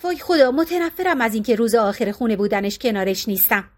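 Woman doing an eager, emotional middle-aged wife, high voice, pleading tone, audiobook. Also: animated. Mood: fretful. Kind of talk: audiobook character reading.

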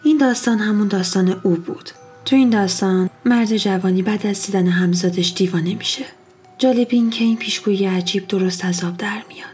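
Woman telling spooky stories soft and hushed, music faint underneath. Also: mid-range voice, slightly rough. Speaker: narrator. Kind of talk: storytelling narration.

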